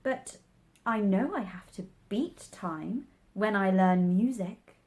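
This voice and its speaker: A woman's voice: medium pitch, slow pace, a little mellow, natural voice. A woman voicing a curious, polite young girl in a children's storybook, prim and questioning. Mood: cautious.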